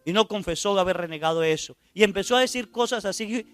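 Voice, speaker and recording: High, bright-voiced priest preaching dramatically. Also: male voice, quick pace, clean tone, soft background music. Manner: dramatic, acts out quoted speech loudly, asks the congregation rhetorical questions. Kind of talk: sermon retelling a testimony.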